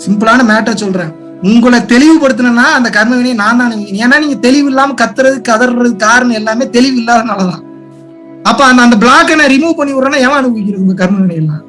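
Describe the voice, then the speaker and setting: A man from India with a strikingly high voice, teaching spirituality in an impassioned online talk. He pleads and fires rhetorical questions, swinging from quiet asides to loud appeals. Faint music sits behind him. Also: fast.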